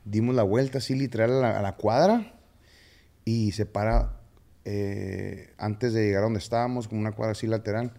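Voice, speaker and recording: A man with a Mexican accent, a podcast guest telling his story in casual slang with halting fillers. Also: lowish voice, steady tone, creaky, mellow.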